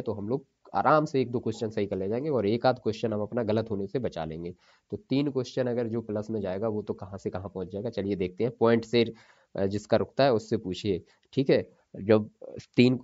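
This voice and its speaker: A man teaching Hindi spelling for an exam, repeating each word slowly and checking in with his students. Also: fairly low pitch, darkish tone, muffled recording.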